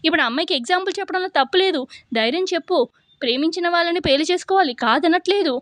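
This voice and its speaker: A woman's voice: very high voice, very fast, fairly bright tone, no echo, voice pushed up. A woman voicing an angry young husband who scolds his wife in curt orders. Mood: resentful scolding.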